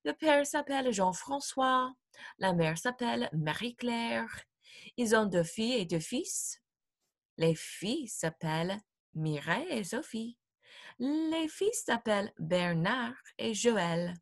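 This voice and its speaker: Woman teacher, storybook read aloud, slow pace, lively pitch. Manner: slow, clear, expressive reading. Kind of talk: reading a graded storybook aloud for a class.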